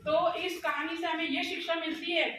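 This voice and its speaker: A woman's voice: very high voice, level tone, moderate pace. A woman telling a moral story step by step, in plain speech at a training session. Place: indoor training hall. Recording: echoey room from far off, noisy.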